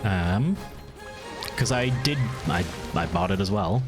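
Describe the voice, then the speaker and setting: A low-voiced man from County Meath, Ireland, chats casually with viewers while streaming a game, his intonation lively and his pace slow, with music playing behind him. He rambles in an easygoing way, answers the chat, and often restarts his sentences.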